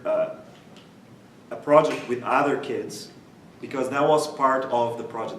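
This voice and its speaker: A man's voice: mid-range voice, distant mic, slight background noise. Reflective man speaking from across an echoey room. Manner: reflective, self-deprecating humor. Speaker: interview guest. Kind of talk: conversational interview answers.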